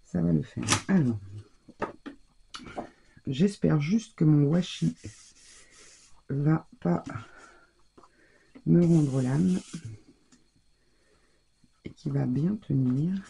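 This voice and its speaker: A woman's voice: low voice, drawn-out words, gravelly, long pauses, mellow, breathy edge. A woman giving casual, chatty commentary on her scrapbooking, thinking aloud as she works. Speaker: scrapbooking crafter.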